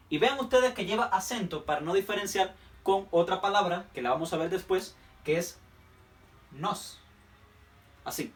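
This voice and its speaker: A man teaching a language lesson, patiently repeating words slowly for learners. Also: high voice, a bit bright, recorded from a distance. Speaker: Portuguese teacher.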